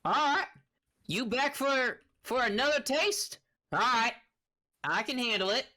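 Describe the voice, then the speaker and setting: A woman voicing a gruff, talkative male half-orc rancher who rambles folksily and calls people honey. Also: a little high, expressive, measured pace, bright, forceful tone, voice pushed up, exaggerated voice.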